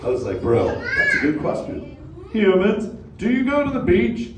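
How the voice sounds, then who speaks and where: In a full character voice that is very high with wildly swooping pitch, an actor plays a mellow surfer-dude turtle dad at a moderate pace. He drawls "bro" and "dude" playfully to a live crowd during an interactive show. Crowd noise and roomy echo come through a distant microphone.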